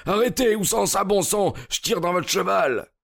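Man doing a frantic young stranger, desperate, shouting, strained high voice, audiobook story. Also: lively intonation, normal speed, vocal fry, full character voice. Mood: threatening. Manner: shouting, high-pitched outbursts. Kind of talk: audiobook character reading.

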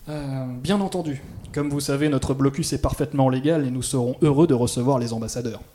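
A man with a plain, mid-pitched voice hosts a quiz for a guest, chatting playfully and reading out quiz lines. His delivery is casual and friendly. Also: a little fast, warm tone. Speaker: quiz host.

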